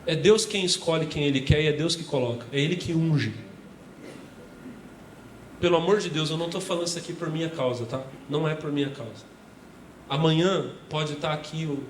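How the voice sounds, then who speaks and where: High-voiced Brazilian pastor preaching. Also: male voice, slight background noise. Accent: Brazilian Portuguese. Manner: animated storytelling, acting out voices, addressing congregation as brothers. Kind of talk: sermon. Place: church hall. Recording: echoey church hall with faint ambience.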